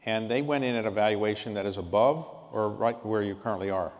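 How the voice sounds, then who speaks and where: A man's voice: fairly low pitch, a little fast. A man interviewing a guest on stage, asking blunt, probing questions with a wry edge. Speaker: interviewer, club president. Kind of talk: onstage interview. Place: large hall on stage. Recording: long hall reverb.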